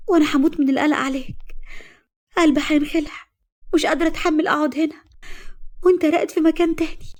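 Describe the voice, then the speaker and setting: A woman voicing an anxious young woman in love with an Egyptian accent, high and breathless. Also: fairly even intonation, fast talker, pauses often, a little mellow, natural voice.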